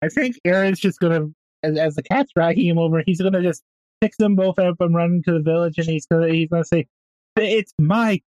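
A woman player in a tabletop game, casually improvising her character's actions in halting, playful bursts. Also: lowish voice, warm tone, no room sound, muffled recording.

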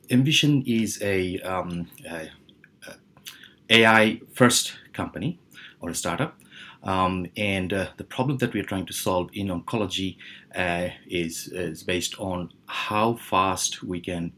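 A man's voice: low-pitched, a bit bright, husky. A man from Bangladesh, a company CEO, answering podcast interview questions hesitantly with many fillers and restarts. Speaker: startup CEO guest.

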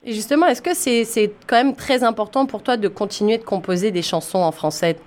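A woman hosting a radio interview, asking measured questions with occasional stumbles. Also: a little high, a little mellow. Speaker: radio host.

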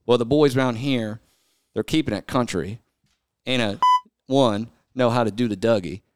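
A man's voice: medium pitch, moderate pace, very noisy. Man half-singing lyrics as a joke. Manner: reads song lyrics in a half-sung, joking way. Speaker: podcast co-host. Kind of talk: casual chat and comic read-singing of lyrics.

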